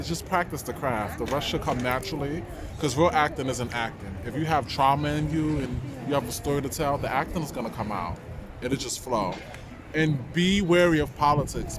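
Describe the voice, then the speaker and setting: A man with a New York accent giving reflective, conversational answers in a casual street interview. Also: fairly high pitch. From New York, United States. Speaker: interviewee, dancer and actor. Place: outdoors in a city park. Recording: outdoor city noise, passing traffic.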